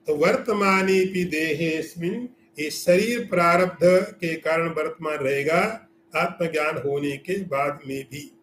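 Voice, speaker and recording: A man's voice: fairly high pitch, measured pace, fairly bright tone, roomy sound, slight background noise. A man giving a scriptural lecture as a spiritual teacher, explaining with everyday examples and asking rhetorical questions.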